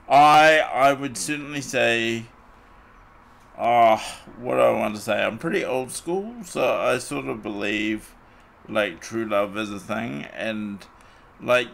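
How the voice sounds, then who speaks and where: A man's voice: mid-range voice, vocal fry, a bit bright. A man hosting a podcast in casual chat, rambling with lots of fillers and restarts. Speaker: podcast host. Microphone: desktop mic on a voice call.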